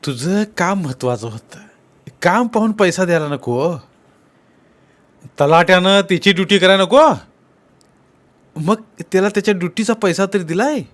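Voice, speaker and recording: This is a man playing a shrewd village headman who interrogates with steady, needling questions. His voice runs a bit high, with a lilt. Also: moderate pace, pauses often, natural voice. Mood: probing. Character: sly accusing village headman, middle-aged man.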